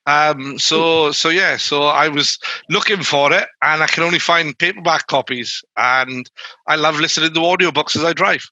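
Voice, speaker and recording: A man's voice: on the high side, moderate pace, sharp tone, no echo, low-quality recording. A man in a video call meetup, apologetic and hesitant as he asks his question. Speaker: audience member asking a question. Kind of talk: casual chat.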